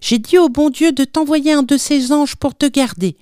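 A woman voicing an eager little boy, asking questions in a high, excited way. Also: normal speed, no echo, clean studio sound, lightly acted.

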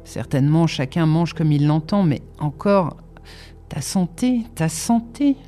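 A reader voicing Joe, a gentle, earnest blacksmith who talks in a slow, solemn, confidential way, in an audiobook. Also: mid-range voice, expressive, soft background music, natural voice. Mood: earnest concern. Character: gentle simple blacksmith man, kindly, earnest.

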